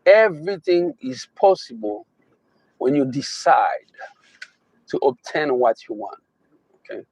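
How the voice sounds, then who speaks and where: A man's voice: medium pitch, big pitch swings, a little mellow, slightly rough, dry recording, low-quality recording. A man from Haiti with a Haitian accent, giving a motivational talk, emphatic and fond of repeating his key phrases. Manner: emphatic, repeating phrases, slow drawn-out stresses. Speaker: motivational speaker.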